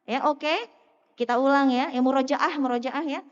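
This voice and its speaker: A woman preaching in a mosque hall, her high voice carrying long echoes. She is animated and playful and keeps asking the crowd questions, and the sound is muffled. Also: normal speed. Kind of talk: lively sermon to a live audience.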